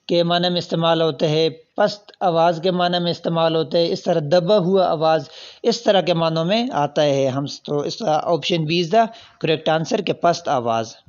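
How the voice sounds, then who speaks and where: A man's voice: high-pitched, muffled recording. A man teaching, reading exam questions and their options aloud, then explaining each correct answer step by step. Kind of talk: solving past exam questions.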